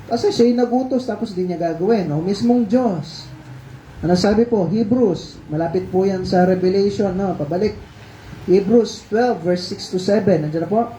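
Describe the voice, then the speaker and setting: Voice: medium pitch, a little fast, warm tone, a little hiss or hum. A preacher with a Filipino accent giving a conversational Taglish sermon, politely coaxing the congregation with questions and cues to read verses aloud. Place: church hall. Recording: dull, echoey church livestream audio.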